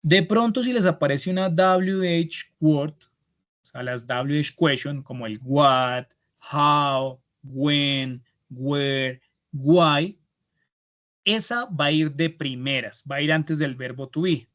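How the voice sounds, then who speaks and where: A man's voice: on the high side, a bit bright. Colombian man teaching English online. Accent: Colombian Spanish. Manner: patient, repeats words, slow model phrases. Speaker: English instructor. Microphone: computer mic on a video call. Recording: lo-fi video call audio.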